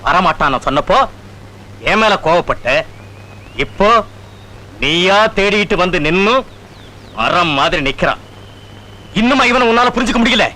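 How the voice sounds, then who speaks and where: Angry father-in-law, sharp high-ish voice, sneering. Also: expressive, normal speed, long pauses, low-quality recording. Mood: scornful. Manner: scornful, accusing. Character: furious father-in-law berating his son-in-law. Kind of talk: film drama dialogue.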